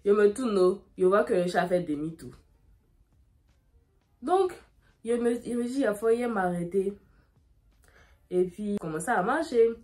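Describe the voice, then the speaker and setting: A young woman, telling a dramatic story in a lively way while doing her makeup. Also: medium pitch. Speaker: beauty vlogger.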